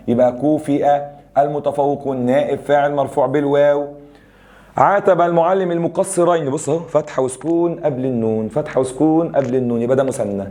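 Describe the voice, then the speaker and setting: A young adult man with an Egyptian accent teaching a grammar review lesson, explaining rules and firing quick questions at students. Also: mid-range voice, mellow. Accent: Egyptian Arabic.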